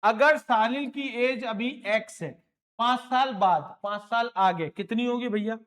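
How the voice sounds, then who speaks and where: A man's voice: very high-pitched, unhurried, fairly bright tone. A man teaching a maths lesson online, encouraging his students and repeating each point patiently, with English terms mixed into his explanations.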